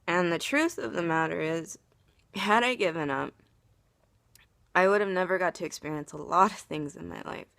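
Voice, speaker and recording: Tearful woman with a gravelly voice. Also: on the low side, normal speed, pauses often, fairly bright tone, dry recording. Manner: earnest, heartfelt, encouraging. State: tearful, crying. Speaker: vlogger. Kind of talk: confessional personal vlog.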